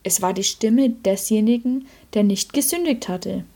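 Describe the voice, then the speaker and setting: A woman reads a short tale aloud in a storybook manner. Her voice is dark and a little husky. She lifts it for the quoted lines. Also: medium pitch, measured pace. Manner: lively acted quotes in a raised voice. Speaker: reader.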